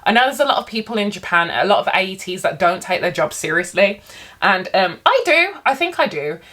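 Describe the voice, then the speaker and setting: A woman vlogger talks casually to camera over a meal. Her voice sits at an average pitch, and she tells stories in an animated way, sometimes speaking with food in her mouth. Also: brisk. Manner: animated storytelling, acting out quotes; talks while eating, mouth sometimes full. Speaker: English teacher. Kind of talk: casual mukbang chat to camera.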